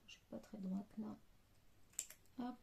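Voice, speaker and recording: A woman's voice: mid-range voice, steady tone, slow pace, creaky, dark tone, a little hiss or hum. A woman hosting a card-making tutorial, thinking aloud with many hesitations. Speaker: crafting tutorial host.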